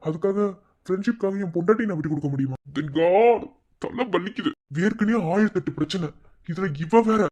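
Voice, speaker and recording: A man's voice: fairly quick, darkish tone. A man voicing a worried young married man in a cartoon, muttering his thoughts in a Madurai Tamil accent. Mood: brooding. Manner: low, muttering inner monologue. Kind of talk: cartoon voice acting.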